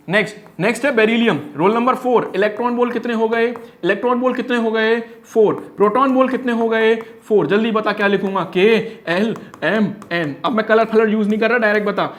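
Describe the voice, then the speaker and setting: Playful and teasing, a high-pitched male teacher runs an energetic one-shot lesson. He throws out quiz questions and then answers them himself, stretching phrases into a singsong drawl.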